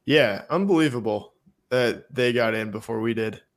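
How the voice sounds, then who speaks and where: A man's voice: medium pitch, normal speed. A man co-hosting a casual post-game sports stream, upbeat and joking. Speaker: podcast co-host.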